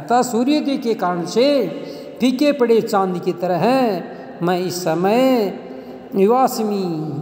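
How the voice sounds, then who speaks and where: High-voiced man teaching slowly in an echoey room. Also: dark tone. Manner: reads each line in the old text, then explains it plainly; chants verse in a slow sing-song. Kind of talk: line-by-line explanation of a classical play. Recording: echoey room with long reverb.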